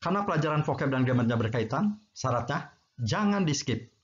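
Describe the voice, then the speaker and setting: A man's voice: medium pitch, lively intonation. A man giving a casual language lesson, explaining patiently and checking in with his listeners. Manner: explains slowly, checks in with "ya" and "gitu ya". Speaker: English teacher. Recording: dull lo-fi recording.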